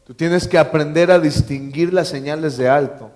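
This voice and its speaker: A male pastor delivers a sermon in a church, his voice sitting somewhat high for a man. He hammers key phrases through repetition and keeps checking in with his listeners. Joking asides lighten the preaching. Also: moderate pace, a little mellow. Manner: emphatic, repeats key phrases, quizzes the congregation, joking asides.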